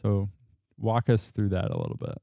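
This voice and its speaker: A man hosting a family podcast, asking questions in a relaxed way with teasing, joking asides. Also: lowish voice, normal speed, gravelly, dry recording. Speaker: podcast host. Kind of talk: casual family podcast interviewing.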